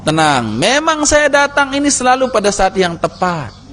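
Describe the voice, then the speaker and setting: A man's voice: very high voice, sing-song, moderate pace, a bit bright, faint music behind, pitched above the performer's own voice, heavily acted. A man voicing a sly male devil who coaxes and soothes in casual, slangy talk. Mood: coaxing. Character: sly male devil, smooth-talking tempter.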